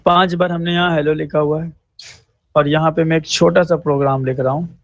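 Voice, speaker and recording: A man teaching a programming lesson, who speaks slowly and repeats points, often checks in with listeners and mixes English terms into his Hindi. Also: on the high side, fairly even intonation, no echo. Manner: slow, repetitive, checks in with "thik hai" often; clears throat now and then. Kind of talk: screen-recorded coding lesson. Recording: dry, slightly dull mic.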